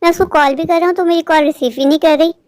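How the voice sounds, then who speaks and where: A lovestruck young male crow, voiced by a woman in a cartoon, eager and a little anxious as he pleads. The voice sits very high. The recording is dry and close. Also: fairly even intonation, rapid-fire, no room sound. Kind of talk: cartoon voice acting.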